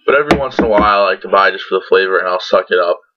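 Young man, fairly low pitch, casual profane reviewer, lip full of dip, lo-fi webcam sound. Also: rapid-fire, noisy background. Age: young adult. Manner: laid-back, profane, rambling. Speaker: tobacco product reviewer. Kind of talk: casual chat to camera, product review. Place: small bedroom, indoors. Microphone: computer webcam at arm's length. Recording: dull lo-fi webcam audio.

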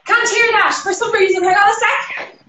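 A woman with an Irish accent leading a live workout class over a video call, energetic, counting down reps and cheering people on. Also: very high voice, normal speed, echoey room, a little hiss or hum, poor audio. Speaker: fitness instructor.

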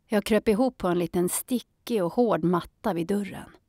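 A woman narrating a children's audiobook in a calm storytelling manner. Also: mid-range voice, dry recording, clean studio sound.

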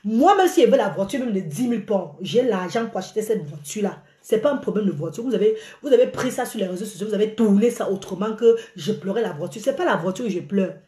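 A middle-aged Cameroonian woman rants animatedly to her followers on a live phone stream, exclaiming and gesturing a lot. Her medium-pitched voice moves quickly with few pauses. The phone is held at arm's length in a small indoor room by a curtain, so the sound is roomy.

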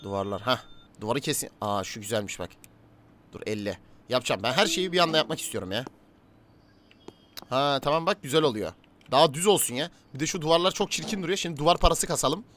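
A man giving casual let's-play commentary, chatting to game characters and his viewers, swinging from low mutters to loud calls. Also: quick pace, slight background noise. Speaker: gaming YouTuber.

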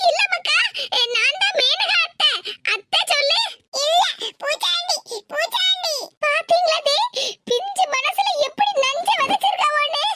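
A woman with a Tirunelveli Tamil accent voicing a tactless, quick-tongued grown daughter in an animated cartoon comedy, high and sharp as she scolds. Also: no echo, clean studio sound. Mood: indignant.

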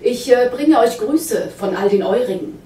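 A woman's voice: fairly high pitch, expressive, normal speed, mellow, slight background noise, pitched above the performer's own voice, close to an everyday voice. A woman voicing a sly male trickster who poses as a messenger from heaven, in a mock-solemn, wheedling tone, read in a roomy hall from a distance.

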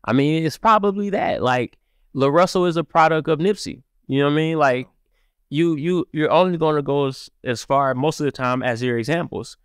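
A music marketer from Cleveland, Ohio, who was partly raised in Mississippi, appears as a guest on a podcast, talking casually and animatedly with plenty of repeated fillers. He speaks into a studio boom mic at a moderate pace, his voice smooth and the recording dry.

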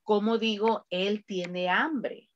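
A woman's voice: medium pitch, fairly even intonation, slow, highs cut off, over a noisy crowd. A woman teaching an online English class, switching between English and Spanish to explain grammar and drilling her students with countdowns.

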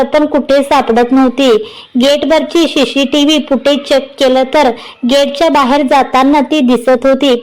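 A woman storyteller reads a story aloud. Her delivery is steady and expressive, pitched high. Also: low-quality recording. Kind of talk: read-aloud story narration.

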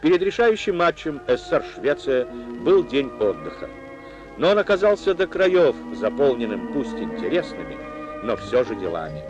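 A man's voice: medium pitch, very animated, normal speed, low-quality recording. A man narrating an old newsreel in a formal, declamatory reporting manner. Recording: narration over loud music.

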